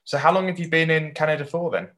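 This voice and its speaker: A man's voice: fairly high pitch, fast talker, a bit bright. A man hosting a casual podcast interview, asking loosely phrased questions in a hesitant way.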